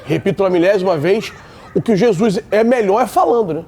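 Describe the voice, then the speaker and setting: Rio-accented male panelist, blunt and emphatic, high-pitched voice, studio debate. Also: fast, darkish tone. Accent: Brazilian Portuguese, Rio de Janeiro. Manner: blunt, emphatic, repeats points.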